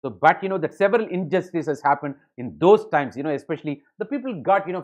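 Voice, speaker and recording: Fast-talking man lecturing. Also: on the high side. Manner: rapid, filler-heavy, addresses students as ladies and gentlemen. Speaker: exam coaching educator. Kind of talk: online lecture. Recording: dull lo-fi lecture audio.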